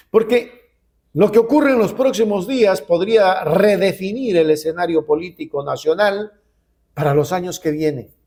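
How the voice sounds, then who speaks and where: A man's voice: a little high, darkish tone. A man delivering a political news editorial as host, building his points through emphatic rhetorical repetition.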